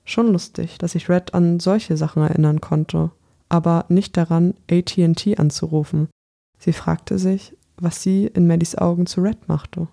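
A narrator reading a thriller novel aloud in a measured, tense audiobook style. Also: mid-range voice, steady tone, vocal fry, warm tone. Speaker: audiobook reader.

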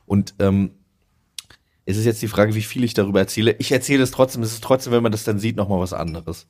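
A man's voice: lowish voice, quick pace, a little mellow. A man co-hosting a casual podcast chat, animatedly retelling a scene and acting out the quoted voices. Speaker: podcast co-host. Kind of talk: casual chat about reality TV.

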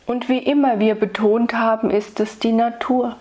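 A woman speaking as a spiritual meditation guide, soothing and intimate, addressing the listener solemnly and tenderly with long pauses. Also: on the high side, little pitch movement, dark tone. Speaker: spiritual meditation guide delivering channeled messages.

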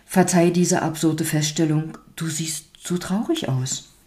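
A small, kindly old woman speaks gently and with understanding, as a woman reads her part in a storybook. The voice is low and mellow. She speaks softly throughout. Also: sing-song, measured pace. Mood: gentle. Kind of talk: storybook reading.

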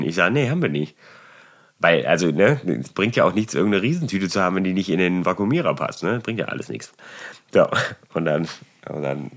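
A man tells a story in relaxed conversation. He sounds exasperated and animated, stumbles over restarts and keeps tagging his sentences with quick checks. His delivery is casual and chatty. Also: deep voice.

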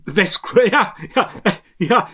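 A man's voice: sits high, animated, slow pace, sharp tone, a little hiss or hum. A middle-aged man co-hosting a podcast, chatting casually and emphatically about films with slangy enthusiasm. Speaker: podcast co-host.

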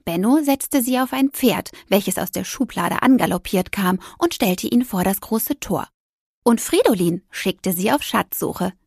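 A woman narrating a children's story with gentle, lively storytelling. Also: medium pitch, measured pace, creaky, breathy edge, no room sound, studio quality.

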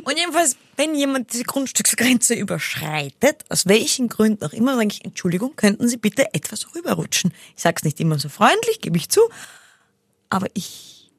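A woman's voice: moderate pace, breathy edge, no room sound, studio quality. A woman, co-hosting a podcast in casual, chatty talk. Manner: chatty, animated, breaks into shrill impressions. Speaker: podcast co-host. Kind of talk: casual chat.

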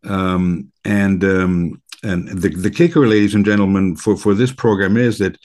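A man hosting a radio talk show in a conversational style, with halting, deliberate phrasing. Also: low voice, a little mellow.

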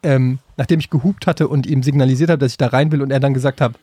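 A man's voice: mid-range voice, steady tone, quick pace, dark tone, no echo. A man from Frankfurt, a podcast co-host, telling a story in casual chat. He rambles, restarts often and gets worked up as he goes. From Frankfurt, Germany. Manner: rambling, with many restarts and hesitations, getting worked up as the story builds.

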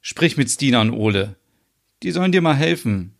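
A man's voice: mid-range voice, lively intonation, normal speed, vocal fry. Man playing a sensible, knowing married woman. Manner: knowing, explanatory. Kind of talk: podcast soap opera acting.

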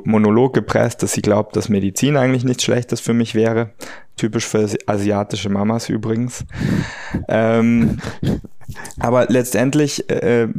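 A man in his thirties, born in the United States, talking casually as a podcast co-host, relaxed and easygoing, with frequent fillers. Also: mid-range voice, dry recording, clean studio sound. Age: 30s. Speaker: podcast co-host, trauma surgeon.

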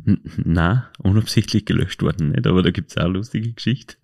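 This podcast host is an Austrian man with a low, gravelly, slightly mellow voice, speaking a little fast. He tells anecdotes in a casual chat, hesitant and colloquial, frequently correcting himself.

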